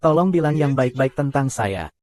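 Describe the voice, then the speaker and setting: A man narrating a film recap and reading every character's lines in one even voice. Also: mid-range voice, normal speed.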